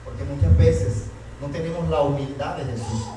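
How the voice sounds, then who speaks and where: A man's voice: fairly high pitch, moderate pace, dark tone, slight background noise. A man preaching a passionate sermon, often stopping to ask the congregation whether they are listening. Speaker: pastor. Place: church hall. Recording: very echoey hall, mic far off.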